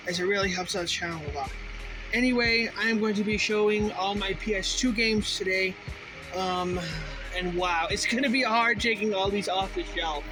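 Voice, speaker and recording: A man's voice: sits high, low-quality recording. A young man hosting a casual vlog, chatting informally to viewers with loosely enunciated words because a mouth ulcer makes it hurt to talk. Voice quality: loose, not fully enunciated articulation. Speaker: video host. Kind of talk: casual game collection vlog.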